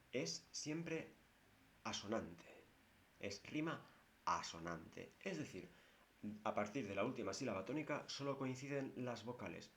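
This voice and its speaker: A man teaching literature to a class, repeating key terms slowly and adding wry asides. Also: fairly low pitch, slight background noise. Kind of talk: lecture to a class.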